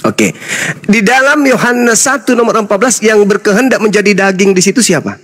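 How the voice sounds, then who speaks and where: Guy preaching in a debate, high voice swinging all over, keeps cutting in and lecturing. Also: expressive, fairly quick, fairly bright tone, slightly rough. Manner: insistent, lecturing, talks over the other man. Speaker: Islamic preacher. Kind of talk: heated interfaith debate.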